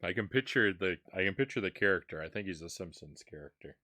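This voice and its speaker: Man, deep low voice, casual live-stream host, chatty, sighing between bites. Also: expressive, fast talker, bright, forceful tone. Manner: chatty, sighs and reacts while eating spicy seeds.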